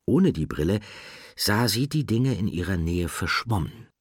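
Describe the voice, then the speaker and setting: A man narrating a children's audiobook in a calm, deliberate storytelling manner. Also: low voice, slightly rough, dry recording, studio quality.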